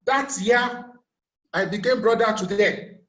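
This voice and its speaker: A man's voice: sits high, unhurried, sharp tone, roomy sound, lo-fi sound. A middle-aged Nigerian man giving a career talk, telling stories and asking his audience rhetorical questions. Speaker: motivational speaker.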